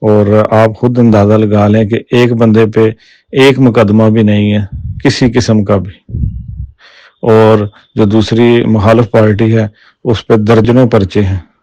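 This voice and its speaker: A man with a Pakistani Urdu accent making a measured appeal in a recorded audio message. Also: fairly low pitch, little pitch movement, dark tone, no echo. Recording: dull dry lo-fi audio.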